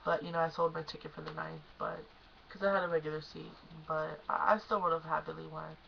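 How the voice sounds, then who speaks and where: A young woman excitedly recapping a concert she went to, gushing and emotional, at times choked up. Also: low-pitched, brisk, gravelly, dull audio, a little hiss or hum. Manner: gushing, emotional, lots of "like" and "oh my gosh". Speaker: concert fan vlogger.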